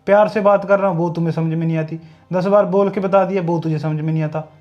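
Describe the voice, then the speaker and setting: A man's voice: sits high, fairly even intonation, fast talker, dull audio, close to an everyday voice. An actor playing an irritable young husband who snaps at his wife and refuses to be disturbed. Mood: exasperated. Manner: snapping, dismissive, rising to angry outbursts. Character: irritable young husband, sleepy, short-tempered. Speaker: actor in short film. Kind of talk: domestic drama acting.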